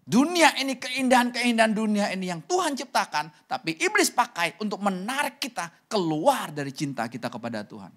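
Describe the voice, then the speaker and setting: Male pastor preaching, emphatic, goes loud then real soft, talks right to the congregation. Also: sits high. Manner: addresses the congregation often. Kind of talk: sermon. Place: church service.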